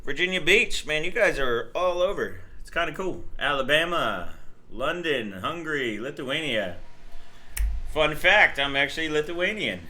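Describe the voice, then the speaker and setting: A man from New Jersey hosts a casual live stream, speaking in a fairly high, expressive voice that is pushed and bright, at a slightly slow pace. Chatty, he greets viewers and explains overclocking settings as he works on the computer.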